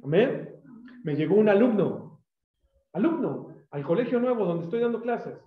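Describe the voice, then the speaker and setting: A man's voice: high voice, normal speed, roomy sound, phone-quality sound. A man with a Mexican Spanish accent, preaching a sermon and telling stories as a pastor and teacher, acting out the voices of the people in them. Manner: animated, acts out quoted voices. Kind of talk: sermon with storytelling.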